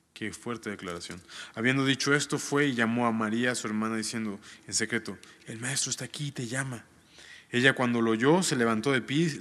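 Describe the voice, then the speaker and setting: A man with a bright, forceful voice reads a scripture passage aloud, then breaks off to explain it in a relaxed, chatty way, often asking his listeners if they follow. The sound carries a long reverb, as if recorded in a large hall. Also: medium pitch. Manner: reads scripture aloud, then comments conversationally with frequent tag questions. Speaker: Bible teacher. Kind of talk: Bible reading with casual commentary.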